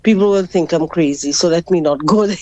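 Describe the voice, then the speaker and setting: A woman's voice: on the low side, background noise. A woman calling into a radio talk show over a clipped phone line, rambling and hesitant with many fillers and restarts. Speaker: radio call-in caller. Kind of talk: casual call-in chat. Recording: phone line, slightly distant.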